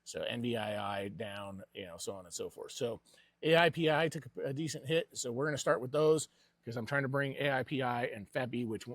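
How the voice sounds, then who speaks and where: A man's voice: medium pitch, fairly quick, no echo. A man hosting a personal investing vlog with casual, rambling commentary.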